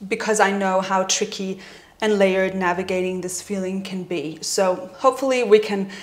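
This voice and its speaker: A woman in her twenties talking candidly and gently in a personal vlog, reflecting on her own experience and laughing now and then. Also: medium pitch, steady tone, moderate pace. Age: 20s. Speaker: vlogger. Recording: roomy echoey room.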